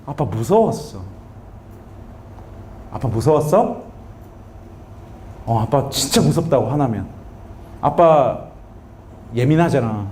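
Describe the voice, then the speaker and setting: A man's voice: fairly high pitch, huge pitch swings, normal speed, hardly any pauses, slight background noise. A man voicing his small son, a tearful boy scared of his father, in a plaintive, whiny way. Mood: hurt.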